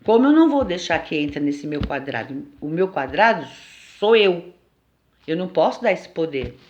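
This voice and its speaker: A woman with a Brazilian accent giving an informal spiritual lesson in a conversational, lively way, often checking in with her listeners. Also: low voice, moderate pace, highs cut off, slight background noise. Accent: Brazilian Portuguese. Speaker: teacher at a spiritual temple.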